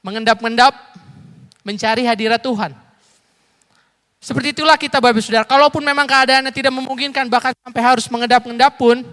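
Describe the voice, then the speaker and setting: A man's voice: very high-pitched, sharp tone. A man in his thirties preaching as an evangelist in a church service, chatty and joking, calling out questions to the congregation. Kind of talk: lively interactive sermon. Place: church sanctuary during a service. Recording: live church hall reverb.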